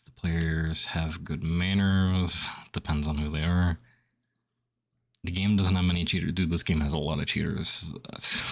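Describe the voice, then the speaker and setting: Working through a survey, a deep-voiced young man who streams games comments in a casual, rambling way, saying "like" constantly. He reads each option out loud before reacting to it. His throat sounds phlegmy.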